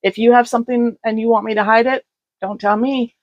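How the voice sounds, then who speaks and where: A woman's voice: on the high side, fairly even intonation, brisk, no echo, dull audio. A woman co-hosting a podcast, telling candid personal stories in a blunt way and often laughing as she talks. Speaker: podcast co-host. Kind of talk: candid conversational storytelling.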